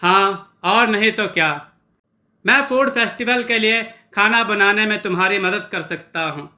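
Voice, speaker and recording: A man's voice: sits high, a little slow, pushed and bright, exaggerated voice. A man voicing a small rat-like creature, a cheeky, folksy helper who cooks in secret.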